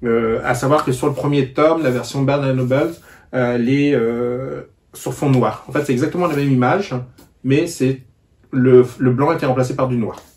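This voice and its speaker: A man's voice: medium pitch, steady tone, normal speed, darkish tone. A man giving a casual book-review vlog, talking hesitantly with lots of fillers and restarts. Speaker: book vlogger.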